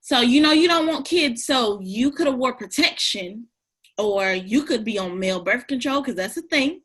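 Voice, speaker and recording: Bright-voiced, insistent woman. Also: fairly high pitch, animated, moderate pace, slightly rough. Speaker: talk show panelist. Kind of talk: casual debate chat.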